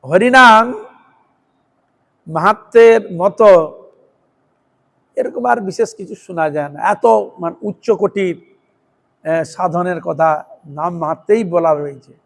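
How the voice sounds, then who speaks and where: A Bengali-accented man preaching a devotional sermon in a high voice, intoning verses slowly and repeating key phrases for emphasis. His voice carries a long reverberating tail, as if in a large hall. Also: a bit bright. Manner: chants Sanskrit verses slowly, then explains with emphatic repetition.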